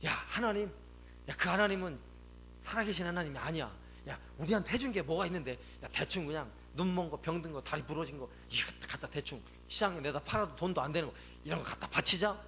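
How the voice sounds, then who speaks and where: A man's voice: expressive, quick pace, fairly bright tone, a little hiss or hum. Scoffing ancient men, as a male preacher puts them on. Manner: scoffing, offhand, low mutter. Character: scornful ancient men mocking their offerings.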